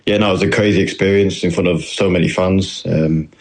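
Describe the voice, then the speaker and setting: A young footballer from New Zealand, speaking with a northern English accent, answers interview questions as a guest. His low, steady voice moves fairly quickly, and he replies politely but hesitantly, using lots of fillers.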